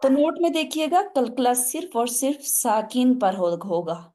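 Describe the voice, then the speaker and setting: A woman runs an online tajweed class over a video call, walking her students through each rule step by step. Her voice sits fairly high, and she keeps asking questions to check that they follow. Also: big pitch swings, dark tone. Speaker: tajweed teacher.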